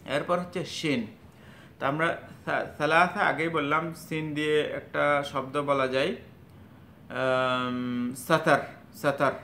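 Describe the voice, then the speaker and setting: A man giving a spoken lesson on letter sounds, halting and full of fillers, sounding each letter out slowly and loudly. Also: steady tone. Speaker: Arabic teacher. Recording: echoey room with faint rumble.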